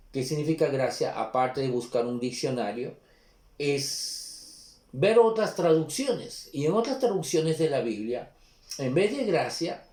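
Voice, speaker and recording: Mellow-voiced pastor preaching. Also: male voice, mid-range voice. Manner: earnest preaching, slows to stress scripture readings. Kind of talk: sermon. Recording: echoey room.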